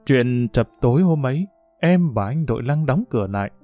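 A man reading the lines of a calm young male village cadre who speaks softly but with a quiet menace. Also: medium pitch, moderate pace, no room sound, muffled recording, soft background music, close to an everyday voice. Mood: quiet, controlled. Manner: soft-spoken, controlled.

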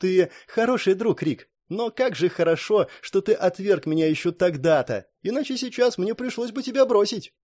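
A man's voice: sits high, animated, moderate pace, few pauses, darkish tone, pitched above the performer's own voice. A man doing a folksy rustic girl. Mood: mocking. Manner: folksy, drawls "-to" tags. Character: rustic cheerful young woman, plainspoken.

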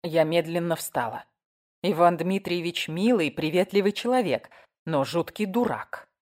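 A woman narrating a novel in a scripted, expressive storytelling manner. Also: on the low side, measured pace. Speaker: audiobook narrator.

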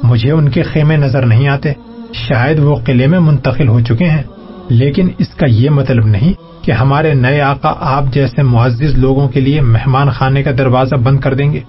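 A man's voice: mid-range voice, lightly acted. A man reading a loyal villager who keeps pressing his offer, deferential and earnest, for an audiobook. The sound is muffled and lo-fi, with faint music behind. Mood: insistent. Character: loyal male villager guide, eager to please.

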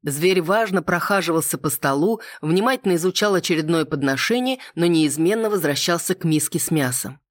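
An audiobook reader narrating a fantasy romance in a steady, even way. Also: medium pitch, a little fast, few pauses, dry recording, studio quality. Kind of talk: scripted narration.

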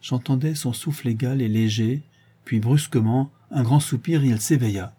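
Dark, husky male audiobook narrator. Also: medium pitch. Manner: measured, expressive reading.

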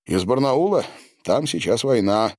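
A man reading an audiobook and voicing a worn-out middle-aged male doctor who speaks haltingly. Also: medium pitch, sing-song, a little mellow, no room sound, studio quality. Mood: weary. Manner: faltering, halting speech.

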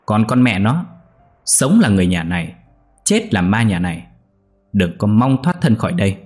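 A man puts on a haughty, spiteful senior wife in an old country house, her voice pushed high and shrill as she scolds. She sneers at everyone below her. The storybook reading carries faint music behind it. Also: very animated, moderate pace, a little mellow. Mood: scornful.

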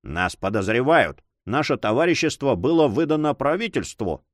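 A man voicing a hypocritical old judge who talks in a drawling, flattering, prim way. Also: medium pitch, normal speed, dry recording, studio quality, natural voice. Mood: gloomy. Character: hypocritical old male judge, pious and fawning.

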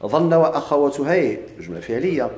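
This Moroccan-accented man teaches Arabic grammar to a class, slowly stretching out examples and supplying answers to his own questions. His pitch runs on the high side, his delivery is very animated, and his tone is a little mellow; the room echoes.

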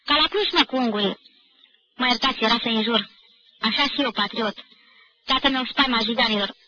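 A woman voicing a burly, boastful male student who talks in a loud, chummy, overfamiliar way, on an old archive recording. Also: extremely high pitch, dull audio, slight background noise, exaggerated voice. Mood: brash swagger.

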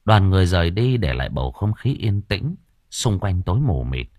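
A man narrating a horror audiobook in a lively storytelling manner. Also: low voice, moderate pace, no room sound, studio quality.

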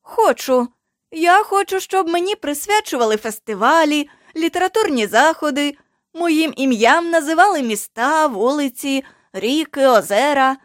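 This is a woman doing a lively young girl from a storybook, a mystical being with big dreams. She speaks high and eager, her questions tumbling out with excitement. The sound is dry and close. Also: measured pace, dry recording. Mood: dreamy.

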